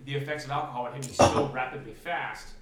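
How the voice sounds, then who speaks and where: A man's voice: mid-range voice, fairly even intonation, fast, echoey room, far from the mic, heavy background noise. A man talking candidly and casually on a podcast, swearing freely. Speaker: podcast co-host. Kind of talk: casual chat.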